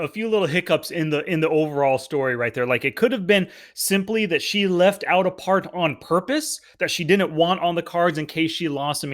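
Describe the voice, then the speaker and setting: A man's voice: on the high side, a bit bright. A man co-hosting a podcast, chatting easily about a movie with joking asides. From California, United States. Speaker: podcast co-host. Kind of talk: casual film review chat.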